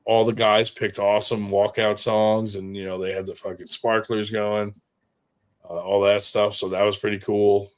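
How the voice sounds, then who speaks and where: A man's voice: fairly low pitch, level tone, moderate pace. A man telling stories in casual chat, rambling and swearing freely, with lots of fillers. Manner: rambling and profane, with many fillers.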